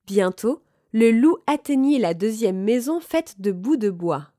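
A woman reading a children's fairy tale aloud in a calm, clear, measured way. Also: on the high side, no room sound, clean studio sound. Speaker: storyteller.

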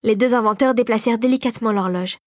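Woman calmly narrating a storybook. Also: on the high side, fast, no room sound, clean studio sound.

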